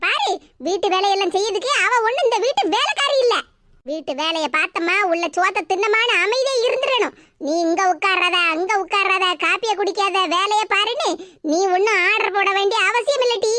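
A woman's voice: very high voice, expressive, brisk, pushed and bright, no echo, studio quality, full character voice. A woman voicing a bossy older aunt and mother-in-law in a cartoon, scolding and domineering, with a Tirunelveli Tamil accent.

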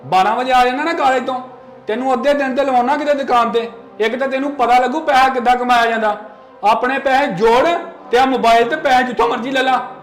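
A man's voice: very high voice, fairly bright tone. A man playing a stern lecturing older brother. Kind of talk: home-made family skit acting. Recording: echoey room, faint music.

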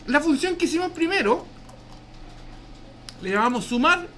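A man's voice: very high voice, lively intonation, moderate pace, pushed and bright, slight background noise. A male programming teacher with a Chilean Spanish accent, explaining casually in a live class and asking "¿ya?" after each point. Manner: slangy, chatty, asks "¿ya?" often.

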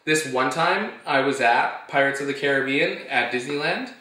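Young male vlogger, sharp forceful tone, rambling jokey asides, very roomy sound. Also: medium pitch. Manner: joking, rambling, quick asides. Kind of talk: casual rambling monologue. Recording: very echoey room.

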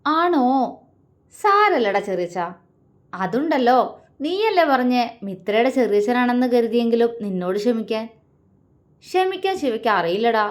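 A woman's voice: high-pitched, expressive. A woman voicing a menacing young man who mocks and taunts his enemy, in a storybook reading. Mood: taunting. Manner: sneering, taunting, slow and deliberate.

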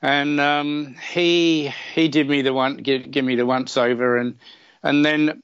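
A man's voice: medium pitch, fairly even intonation, unhurried, a bit bright, clean tone, no room sound, highs cut off. A middle-aged man telling a long personal story as a podcast guest, with plenty of fillers and wry self-deprecating asides. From England. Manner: chatty, many fillers, self-deprecating humor. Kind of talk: casual conversational storytelling.

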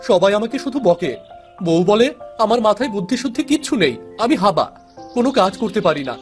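Soft music plays as a man voices a naive, sad, simple-minded husband from a village folktale cartoon, sounding childlike, earnest, and whiny. He speaks quickly in a high-pitched, sing-song voice.

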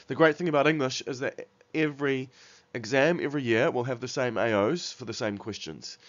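Through a muffled recording, a medium-pitched teacher with a cold and a slightly nasal voice runs an exam revision session over slides. His speech is full of fillers like um and uh, and he frequently starts over.

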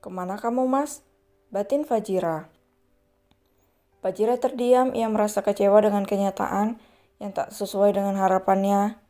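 A woman's voice: medium pitch, steady tone, normal speed, pauses often, warm tone, faint music behind. A woman narrating an audio novel, reading every character in much the same voice. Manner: reads all characters in one voice. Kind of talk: scripted story narration.

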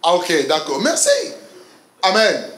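A man leads a church seminar with a high, bouncing voice that swoops up and down as he quizzes the room. He jokes and laughs with his listeners, and his words ring out in an echoey church hall. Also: a little slow. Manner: animated, quizzes the audience with laughter. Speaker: speaker leading a couples seminar. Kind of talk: interactive church teaching.

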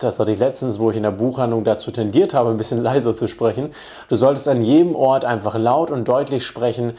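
A man's voice: mid-range voice, dark tone. A man giving dating advice as a coach in a direct, confident way. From Germany. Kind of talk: instructional video talk to camera.

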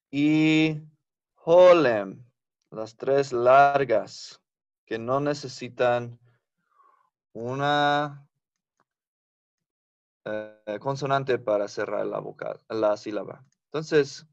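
Slow, patient man teaching a grammar class. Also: mid-range voice, dry recording, lo-fi sound. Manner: patient, explains slowly, asks the class for confirmation. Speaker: Biblical Hebrew teacher. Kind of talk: online class explanation.

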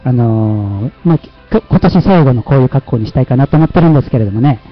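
A man's voice: medium pitch, expressive, fast talker, muffled recording, soft background music. Chatty Kansai-accented man hosting a livestream. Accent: Kansai Japanese. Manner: chatty and self-mocking, laughing often. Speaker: livestream host. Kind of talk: casual livestream talk.

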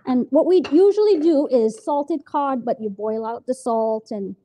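A woman's voice: high voice, unhurried, dull audio. A middle-aged woman hosting a cooking show in a home kitchen, upbeat and laughing often as she explains each step. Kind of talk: casual cooking demonstration.

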